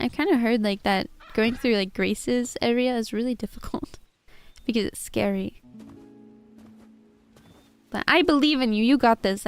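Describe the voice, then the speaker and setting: During a live gaming stream, a woman with a clean, somewhat high voice adopts a stiff, formal put-on character accent. She greets incoming raiders and chats warmly with her viewers.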